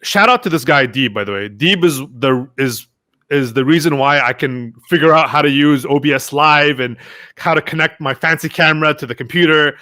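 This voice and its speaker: Young guy w a slightly high voice, chatty guest, does his buddies' voices. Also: normal speed. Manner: animated, acts out quoted friends. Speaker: podcast guest. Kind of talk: casual storytelling interview.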